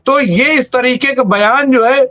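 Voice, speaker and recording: A man's voice: very high voice, measured pace, fairly bright tone, dull audio. A man in a heated political discussion, explaining his view earnestly and persistently. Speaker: debate panelist.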